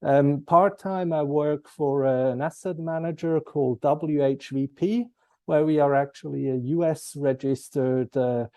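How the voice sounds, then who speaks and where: A man, giving formal, measured answers as an interview guest. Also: mid-range voice, dark tone, no room sound. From German-speaking Switzerland. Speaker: guest, compliance expert.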